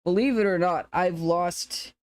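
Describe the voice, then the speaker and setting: A streamer with an androgynous to femme-sounding voice, chatting casually with viewers in a rambling, relaxed way. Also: mid-range voice, measured pace, dry recording. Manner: relaxed, rambling, laughs often, restarts sentences.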